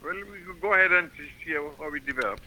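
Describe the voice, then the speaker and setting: Bright man on a distant phone line. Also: a little high, fast. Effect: heard over a phone line, distant and soft. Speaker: phone-in guest.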